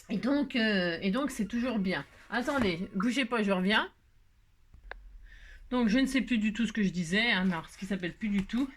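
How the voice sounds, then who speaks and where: A woman hosting a crafting vlog, chatting to her viewers in a rambling, casual way full of fillers and self-interruptions. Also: a little high. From France. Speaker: craft video host.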